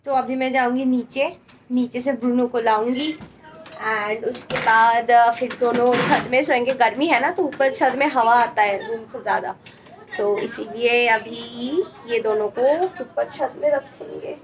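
This Indian woman in her twenties, a vlogger and gaming streamer, chats informally in a mix of Hindi and English. Her voice is a little high and her pace measured, recorded on a phone held at arm's length in small rooms at home with noisy background sound.

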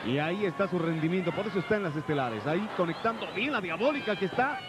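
Male wrestling commentator, Mexican accent, high voice, live ringside call, loud noisy arena broadcast. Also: lively intonation, fast. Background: loud arena noise.

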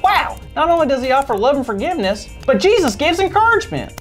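A woman voicing Carl, a goofy, joking, soft-hearted young boy in a kids' church skit. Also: sits high, fast talker, soft background music. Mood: excited. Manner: playful, joking, excitable.

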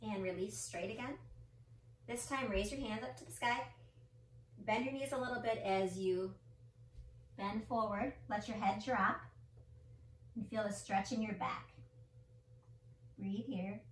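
A woman's voice: medium pitch, measured pace, long pauses, reverberant, recorded from a distance, a little hiss or hum, rough recording. Encouraging woman guiding a yoga class. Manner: encouraging, gives step-by-step cues and counts down; playful with her child. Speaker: yoga instructor. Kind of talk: guided family yoga class. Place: indoor room with a mirror and mat or carpet.

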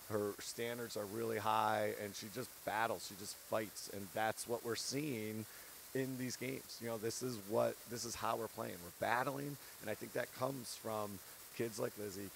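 This coach, a man in his thirties, has a voice on the low side with vocal fry. He's at a courtside set in an empty arena doing a post-game interview on a handheld mic, earnest and candid, laughing between points, though the audio is poor with a little hiss or hum.

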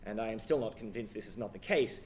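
A haggard, frightened gentleman, voiced by a man speaks in formal, stammering phrases. He has an Australian accent and a gruff edge, and his speech comes out stiff and halting. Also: on the low side, pitched below the performer's own voice, close to an everyday voice. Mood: fearful. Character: haggard, fearful wealthy older gentleman.

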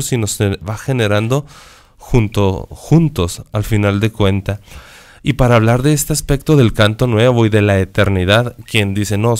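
A man's voice: fairly low pitch, clear, resonant tone. A man, a priest on a radio program, reading a text aloud and explaining it. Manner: reads a passage aloud, then explains it. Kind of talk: teaching commentary on a reading. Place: radio studio.

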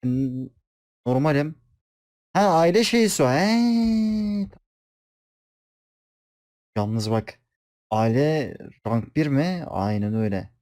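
Male reaction streamer, casual and joking, animated intonation, dry close recording. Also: medium pitch, slow, long pauses, no echo. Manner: relaxed, joking, slangy.

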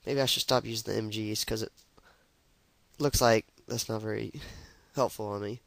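A man's voice: on the low side, fairly even intonation, normal speed, creaky, a bit bright, dry recording, poor audio. A young man giving casual, jokey commentary as he plays a shooter game, narrating each move. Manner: chatty, jokey, narrates his moves as he plays. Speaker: let's play gamer.

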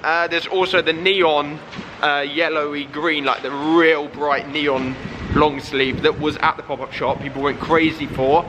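A man's voice: on the high side, flat delivery, a little slow, background noise. A man in his twenties with a southern English accent, chatting casually and informally as a vlogger. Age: 20s. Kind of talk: casual vlog chat. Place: in a parked car, on city streets and in shops. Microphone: handheld vlog camera at arm's length.

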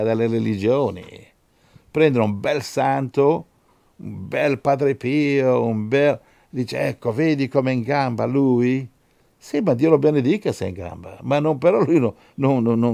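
Male preacher, gravelly, dark tone, fervent radio sermon, dry close sound. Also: medium pitch, lively intonation, a little slow, dry recording. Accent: Italian. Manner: fervent, swings from loud exhortation to soft prayer. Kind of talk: radio sermon with scripture reading.

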